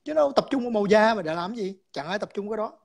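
Guy calling in to a chat, high-ish voice, keeps repeating words and restarting his sentences. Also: animated, very fast, gravelly. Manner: mixes English words into his speech. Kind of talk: casual chat, explaining views.

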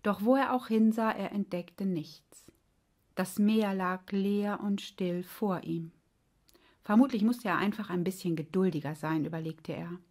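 A woman coach reading a story aloud in a calm, soft way, sometimes dropping to a whisper. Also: medium pitch, unhurried. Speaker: life coach. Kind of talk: storytelling narration.

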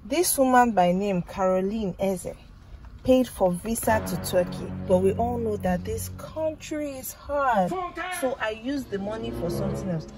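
A woman's voice: medium pitch, measured pace, over music, close to an everyday voice, low-quality recording. A young woman with a Nigerian accent playing a plain-spoken, incredulous taxi driver in a comedy skit. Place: inside a parked car.

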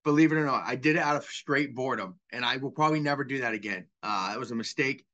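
A man's voice: mid-range voice, quick pace, bright, forceful tone, lo-fi sound. A man in his thirties, a guest on a video call interview, telling his story in a candid, self-deprecating way from a small room. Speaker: guest, property cleanout worker. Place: small room indoors with bookshelf.

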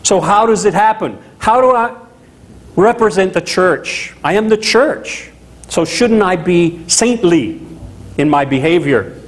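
A middle-aged Louisiana pastor preaches a sermon in a small chapel, animated and conversational, with asides. His voice sits high and moves a little slowly, and the recording is rough.

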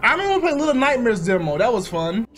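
A man's voice: very high voice, big pitch swings, fast, over music. A young man giving joking, slangy commentary on a horror game he is playing. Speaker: gaming YouTuber. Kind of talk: let's play commentary.

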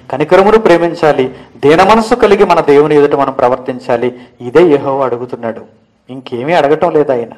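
Impassioned high-voiced Bible teacher. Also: male voice, low-quality recording. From India. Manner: preaching, rhetorical questions, rising to emphatic peaks.

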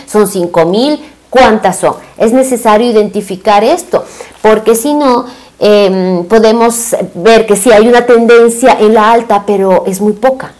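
A woman's voice: mid-range voice, darkish tone. A woman in her thirties presents a business webinar over a video call. She explains step by step, dropping fillers and tag questions as she goes, and moves her hands while she talks. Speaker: business and marketing consultant. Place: indoor room, small webcam inset.

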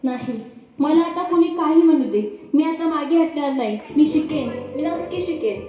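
A woman's voice: sits high, moderate pace, lightly acted. A performer playing an anxious, devoted young village mother in a school stage play, pleading with an emotional delivery. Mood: determined. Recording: echoey hall, dull sound, faint music.

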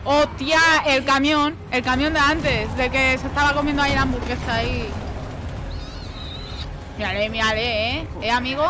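A woman's voice: sits high, steady tone, normal speed, background noise. A young woman with a Spanish accent from Spain commentating live on a horror game she plays, swearing often and talking to the characters on screen. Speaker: gaming streamer.

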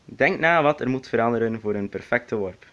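A man playing the instructor in a spoof tutorial, giving commands in a put-on flat robot voice. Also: mid-range voice, fairly quick, lo-fi sound.

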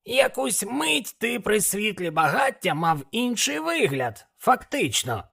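An excitable male devil chatters in a shrill, squeaking register, put on by a man for an audiobook. The tone is bright and sharp, with a husky rasp. It jumps around a lot. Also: slow pace, exaggerated voice. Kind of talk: audiobook character voice.

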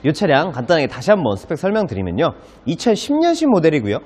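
Man with salesman patter, lively pitch swings. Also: fast, husky. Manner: polite salesman patter, enthusiastic selling. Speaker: used car dealer presenting a car. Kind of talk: car sales walkaround, casual presenting. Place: inside a car and in an underground car park.

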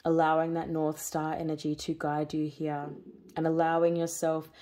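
A woman giving a spiritual tarot reading, talking in slow, soothing, repetitive phrases. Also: low-pitched, monotone, mellow. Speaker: tarot reader.

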